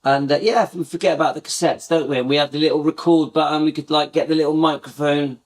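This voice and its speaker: A middle-aged man hosts a casual live chat for fans, rambling and reminiscing to viewers and restarting often. His voice is fairly high with fairly even intonation, and he talks fast.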